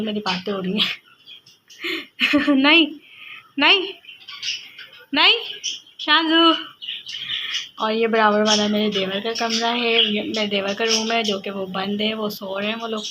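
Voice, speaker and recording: A woman's voice: mid-range voice, flat delivery, normal speed, hardly any pauses. A young woman with a sore throat, chatting casually while cooking at home for her family vlog, rambling with many fillers. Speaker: family vlogger. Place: home kitchen. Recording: loud background noise.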